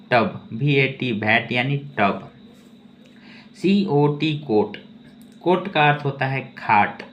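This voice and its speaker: Man teaching English reading, spells words out slowly, says "okay" a lot, dull lo-fi recording with faint hiss. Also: medium pitch. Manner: spells words letter by letter, then repeats them; often says "okay" between explanations. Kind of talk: slow spelling and reading lesson. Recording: dull, lo-fi sound with faint ambient noise.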